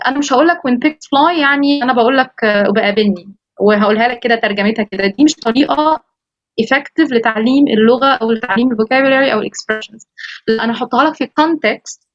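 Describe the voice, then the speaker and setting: An Egyptian-accented woman teaching English talks at a quick clip in a somewhat high, animated voice. Her voice comes through a video call with dull, lo-fi audio. The sound is dry and close. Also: dry recording. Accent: Egyptian Arabic. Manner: lively, quotes students in animated voices, switches into English phrases. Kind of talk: online course orientation talk.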